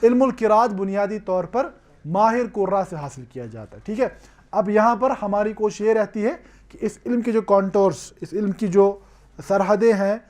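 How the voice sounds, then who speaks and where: Kashmiri man teaching, high voice. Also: darkish tone. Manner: explanatory, repeats checking questions to students. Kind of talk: classroom lecture on Quran recitation.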